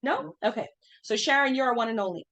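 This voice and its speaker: A woman's voice: fairly high pitch, expressive, fast talker, fairly bright tone. A woman in her thirties teaching an informal class, chatty and full of fillers, asking the group questions as she goes.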